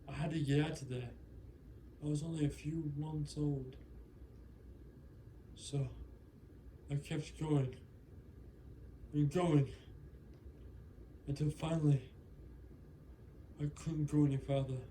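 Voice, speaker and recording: A man's voice: fairly high pitch, dark tone, a little hiss or hum, lightly acted. A man voicing a frightened young she-wolf pup. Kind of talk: first-person storytelling.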